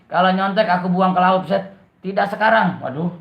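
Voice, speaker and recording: A man's voice: high voice, a little fast, gravelly. Joking Betawi man on a lo-fi live stream. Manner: joking and teasing, laughs often. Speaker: live-stream host reading viewer comments. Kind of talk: casual live-stream chat. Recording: dull, roomy lo-fi live stream.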